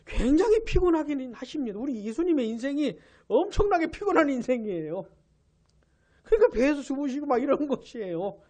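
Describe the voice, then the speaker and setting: A woman pastor preaching a New Year's Eve sermon. She tells the story with animation, asks the congregation questions and answers them, and drops to a hush for emphasis. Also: high voice. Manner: drops to a hush for emphasis, then rises again.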